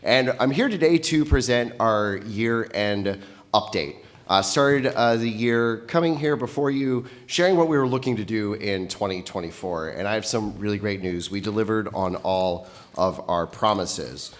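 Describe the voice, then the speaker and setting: A man's voice: on the low side, expressive, moderate pace. A man presenting a year-end update to a county board, slightly out of breath from a cold, earnest and upbeat with frequent fillers. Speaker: county transit executive director presenting. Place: public meeting room.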